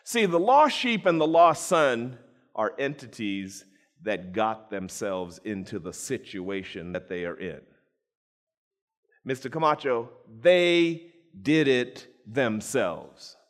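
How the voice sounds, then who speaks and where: A man preaching a storytelling sermon, animated, acting out voices and addressing listeners by name. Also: mid-range voice, slow pace. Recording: long reverb in a large hall.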